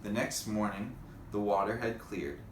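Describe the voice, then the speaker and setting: On the low side and unhurried, a man's voice carries a children's story, read with expression and interrupted by casual chats with his young audience. He's recorded in an echoey room with a little background noise.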